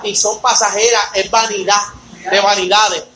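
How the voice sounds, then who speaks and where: High, bright-voiced man teaching scripture. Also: little pitch movement, moderate pace, a little hiss or hum, low-quality recording. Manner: reads scripture aloud, then explains it with rhetorical questions; addresses listeners by name in a conversational way. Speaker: Bible study teacher. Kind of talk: teaching a Bible study.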